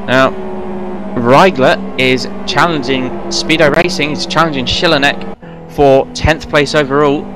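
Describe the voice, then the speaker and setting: A man giving fast, running play-by-play commentary on a sim race, now and then correcting himself. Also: a little high, steady tone, over music. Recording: race car engine noise behind voice. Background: racing car engines.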